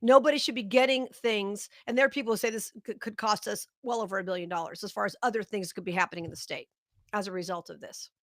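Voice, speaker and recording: A woman's voice: medium pitch, steady tone, fast talker, a bit bright, no echo, studio quality. A middle-aged woman hosting a live political commentary show, talking straight to her viewers with indignant, sarcastic outrage.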